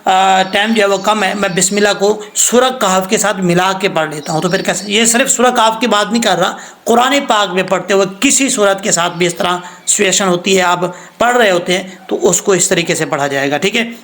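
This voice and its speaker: A man teaching Quran tajweed patiently, breaking into slow recitation of verses. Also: high-pitched, fairly bright tone. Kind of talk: recorded recitation lesson.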